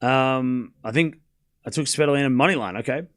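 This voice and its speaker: A man with a hoarse smoker's rasp, giving casual live tennis commentary and chatting informally with viewers, often repeating scores and phrases. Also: medium pitch, brisk. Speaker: host of a live tennis watchalong.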